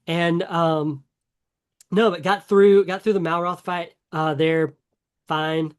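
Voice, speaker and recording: A man's voice: on the high side, steady tone, slow pace, smooth. A man co-hosting a casual gaming podcast, talking in an enthusiastic, rambling way with many fillers and restarts. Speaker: podcast co-host.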